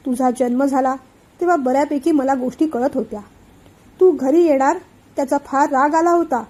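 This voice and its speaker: In a lightly acted storybook reading, a woman voices an emotional young elder brother who earnestly pours out his heart. Her voice sits high but stays mellow.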